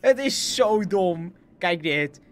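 A man's voice: sits high, lively intonation, takes it slowly, smooth. A young man with a Dutch accent, chatting casually as a gaming livestreamer, bouncy and giggly, with a sore throat. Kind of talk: casual live game commentary. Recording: faint music behind.

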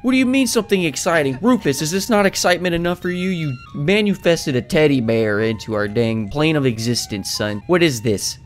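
A man's voice: a little high, expressive, brisk, hardly any pauses. Playful young man doing game commentary. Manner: playful, jokey, bursts into loud panicked yelling. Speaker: gaming video creator. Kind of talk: comedic gameplay commentary. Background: game music.

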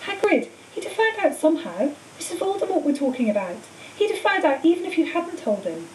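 A woman voicing an earnest, thoughtful schoolboy who reasons gently but with determination. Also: very high-pitched, very animated, brisk, pitched above the performer's own voice. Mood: consoling. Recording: hissy, roomy, distant microphone.

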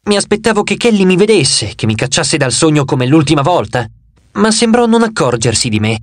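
A man reading an audiobook in expressive scripted narration into a close studio mic. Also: on the high side, a little fast, no room sound.

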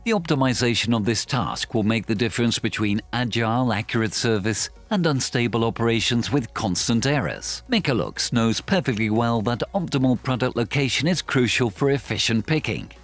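Guy doing a corporate promo read, clear and steady, voice moves around a lot, soft music under it. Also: mid-range voice, normal speed, few pauses. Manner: clear, evenly paced promotional delivery. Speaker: corporate voice-over narrator. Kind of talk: scripted narration. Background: soft background music.

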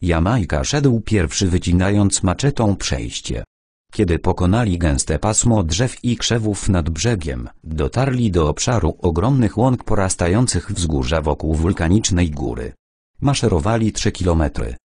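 A man's voice: deep voice, expressive, a little slow, a little mellow, husky, no room sound, clean studio sound. A man reading an adventure audiobook aloud, narrating the story and voicing its characters lightly.

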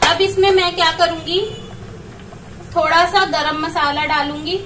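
This home cook demonstrates a recipe, instructing each step as she goes in her own kitchen. Her very high-pitched voice keeps a steady tone and measured pace, with a distant mic and background noise.

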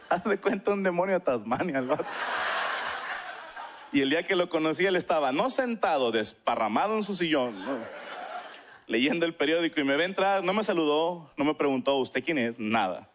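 A man's voice: a little high, animated, normal speed, background noise. A man with a Mexican accent doing a stand-up comedy monologue, telling crude slangy stories and acting out the voices in them. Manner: crude slangy storytelling, acts out quoted voices. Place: comedy stage before an audience. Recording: live stage mic with loud crowd laughter. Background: audience laughter.

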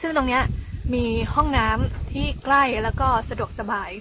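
A young woman chats cheerfully to her viewers from a lakeside campsite, speaking in a high, light voice. She talks casually, straight to the camera. Clear outdoor noise sits behind her. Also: moderate pace. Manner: cheerful, addresses viewers directly. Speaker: vlog host. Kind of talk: casual camping vlog chat.

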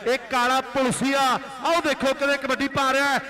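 Man, Indian Punjab accent, frantic rural kabaddi commentary, extremely high voice, sharp and bright, exhorting, repetitive calls. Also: flat delivery, fairly quick. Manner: exhorting, calls on spectators and repeats phrases. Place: live commentary at a village kabaddi tournament ground.

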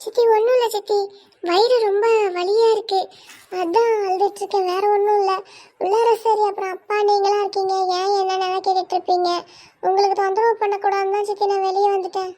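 A woman's voice: very high-pitched, flat delivery, quick pace. A woman doing a meek, tearful young heroine. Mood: pleading. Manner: soft, pleading, tearful monologue. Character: meek young woman, mistreated stepdaughter, gentle. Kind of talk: cartoon voice acting.

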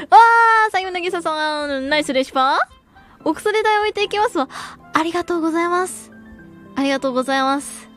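A woman's voice: sits high, brisk, fairly bright tone, soft background music. A young woman streaming as a VTuber, chatting casually and reading viewer comments, laughing often and using slangy speech.

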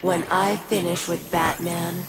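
A calm, menacing female plant villain speaks her threats at an unhurried crawl. Her low voice carries a gravelly, breathy purr. Loud noise sits under the game audio.

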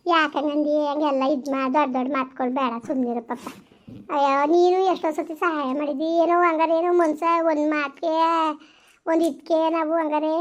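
A woman acting a kind, motherly village woman in a family drama, hushing and comforting others. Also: high-pitched, lightly acted. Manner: soothing, hushing, motherly advice.

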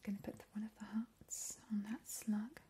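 An ASMR channel host whispers through a roleplay, stretching out her words and gently repeating trigger words. Her mid-range voice stays level at a normal speed, captured on a close mic at an indoor table with slight hiss or hum.

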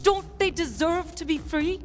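A woman's voice: very high-pitched, a little slow. A woman voicing a nervous, awkward scientist who hesitates and stammers. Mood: flustered.

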